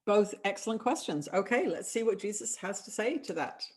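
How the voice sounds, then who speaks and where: A middle-aged woman hosts a show as a spiritual channeler, speaking as a collective "we" to offer calm, measured guidance and chatting with callers. Her voice sits at a medium pitch, with slight background noise.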